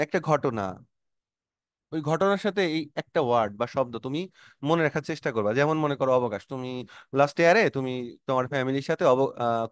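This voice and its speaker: A man's voice: mid-range voice, no room sound, clean studio sound. A man teaching a vocabulary lesson, calling out word lists with emphatic stress and explaining them patiently to students.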